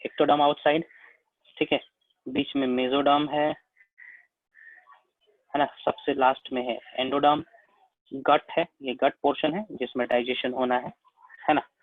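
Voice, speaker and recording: In a whiteboard classroom lecture, an Indian-accented biology teacher moves slowly and repetitively through each step, repeatedly asking his students "है ना?". His medium-pitched voice is delivered flatly, and the audio is tinny and phone-like, dry with no echo.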